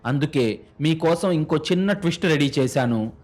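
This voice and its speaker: A man's voice: a little high, animated, moderate pace, darkish tone. A man voicing a betrayed young adopted son who speaks bitterly and mockingly, in a narrated crime story.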